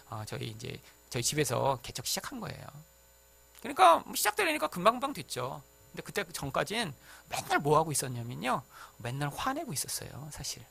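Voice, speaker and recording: A man preaching a sermon as pastor, in a conversational and animated way, with sudden loud outbursts. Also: on the high side, creaky.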